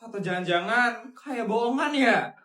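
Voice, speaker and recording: Woman playing a gentle, rich auntie. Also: a little high, animated, measured pace, echoey room, distant mic, a little hiss or hum. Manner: soft, gentle, consoling. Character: kind wealthy middle-aged aunt.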